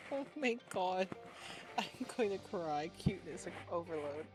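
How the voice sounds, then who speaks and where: A woman streaming from her home desk in casual chat, cooing softly to her cats and often dropping to a hush. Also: on the low side, very animated, unhurried, rough recording. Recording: clear background music. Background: music.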